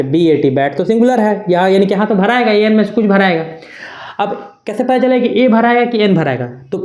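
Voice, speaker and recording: A woman's voice: mid-range voice, darkish tone, echoey room. A woman teaching a beginners' grammar lesson, repeating points and checking in often. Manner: repetitive, keeps checking with "na". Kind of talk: classroom lesson.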